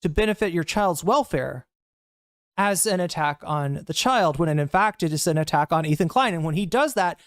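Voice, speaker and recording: A woman's voice: fairly low pitch, expressive, normal speed, dry recording, clean studio sound. A woman streamer reacting to clips and talking to her chat, blunt and heated, with frequent swearing. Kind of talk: casual livestream commentary.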